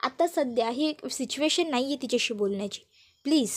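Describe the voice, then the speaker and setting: A woman voicing a calm, reassuring businessman. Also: high voice. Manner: measured, reassuring. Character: calm jailed businessman, steady older brother.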